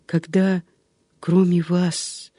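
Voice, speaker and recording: A terrified young woman from a gothic storybook pleads in a soft, shaking voice, as a male narrator puts her on. The read is hushed and dry, close to the mic with no room around it. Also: high voice, little pitch movement, extremely slow, no room sound, heavily acted. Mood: fearful pleading.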